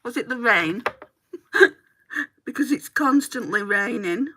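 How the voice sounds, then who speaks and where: Doing her makeup on stream, a Lancashire woman answers viewer comments in casual chat with her local accent. Her voice is on the high side and sharp, with lively intonation and a slow pace.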